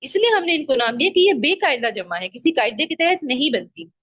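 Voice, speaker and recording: A woman teaching an online Arabic grammar lesson, patiently repeating each example word slowly. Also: high-pitched, expressive, a bit bright, no room sound, muffled recording.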